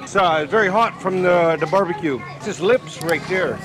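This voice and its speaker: A high-pitched man in his forties speaks at a normal speed as host of a casual food challenge vlog, alternating between exclamations and hesitation. He's outdoors on a busy street with music behind him, wearing a clip-on lapel mic.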